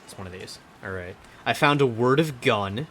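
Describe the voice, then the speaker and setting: A man's voice: mid-range voice, expressive, moderate pace, fairly bright tone. Man host for a let's play, rambling gameplay chatter, faint hiss behind. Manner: chatty, rambling, mutters to himself while playing. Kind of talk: casual gameplay chat.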